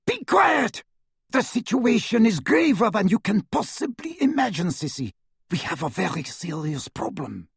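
Cast a man playing a fanatical dark witch: shrill, screeching, husky edge, dry sound. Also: huge pitch swings, a little slow, no echo, exaggerated voice. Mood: shrieking. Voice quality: shrieking. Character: shrill unhinged female witch, cruel and fanatical.

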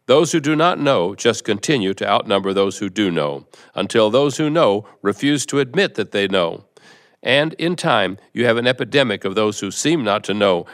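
Calm patient spirit teacher, read by a man, low voice, measured, keeps explaining. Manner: measured, explanatory, repeats "in other words". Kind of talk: reading a seminar transcript aloud.

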